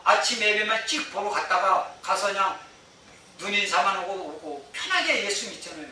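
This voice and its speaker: Bright, high-voiced male preacher in an echoing hall. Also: animated, normal speed. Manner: asks the congregation rhetorical questions; emphatic preaching with repeated phrases. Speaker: pastor. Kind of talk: sermon. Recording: very echoey hall, mic far off, faint noise.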